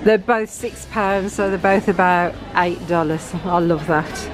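A middle-aged British woman vlogging from a big store, chatting excitedly about items and their prices. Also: lowish voice, measured pace. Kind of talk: shopping vlog walkthrough. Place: large busy store indoors. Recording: store music and crowd noise behind.

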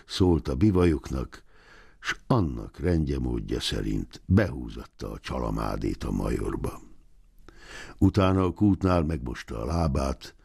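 A young man narrating a short story in a measured, expressive way. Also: very deep voice, gravelly, slightly rough, no echo, clean studio sound. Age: young adult. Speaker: audiobook narrator.

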